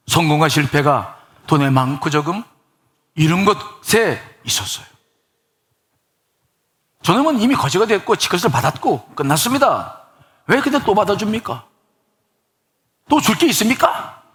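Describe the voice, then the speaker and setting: A man's voice: high-pitched, a bit bright. A male pastor preaching a sermon in a church, telling the story vividly and asking rhetorical questions.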